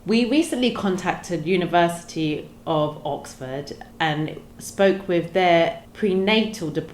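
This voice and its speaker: A woman hosting a podcast discussion, measured and earnest, partly reading from research notes with small restarts. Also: deep voice, a little hiss or hum. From London, England. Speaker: podcast host. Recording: roomy echo.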